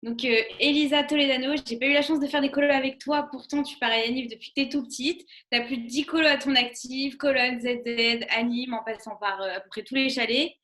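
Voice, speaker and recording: A woman's voice: high voice, steady tone, brisk, few pauses, fairly bright tone. A young woman, co-host of a radio show, introducing a guest and playfully questioning her. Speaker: co-host, columnist. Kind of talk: radio segment, leading an interview.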